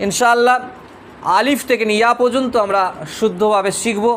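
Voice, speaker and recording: A man's voice: high-pitched, fairly even intonation, a little fast, a little hiss or hum. A man with a Bengali accent teaching a Quran reading class, leading the listeners through the letters in call-and-repeat drills. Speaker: madrasa teacher.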